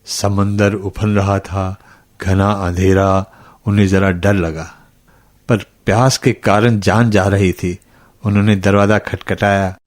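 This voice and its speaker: In a radio lesson, an actor plays a kindly old grandfather telling children a spooky story. His voice is low and his delivery flat, yet slow and dramatic.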